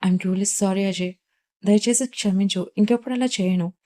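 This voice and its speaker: A woman's voice: mid-range voice, moderate pace, mellow, close to an everyday voice. A woman reading the lines of a scheming young stepsister in a taunting, accusing way.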